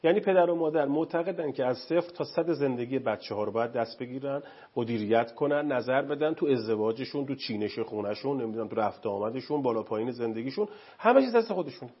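A man's voice: mid-range voice, husky. A man explaining parenting styles on a talk show in a lecturing way, listing ideas and giving everyday examples. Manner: animated, lecturing with lists and examples. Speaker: family counseling guest expert. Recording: dull lo-fi broadcast sound.

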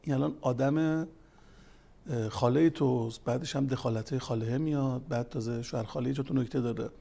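A man's voice: mid-range voice, creaky, mellow. A man giving a religious talk, weaving counseling stories and scripture quotes, growing emphatic as he goes. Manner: storytelling, quoting scripture, grows emphatic. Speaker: family counselor and religious speaker.

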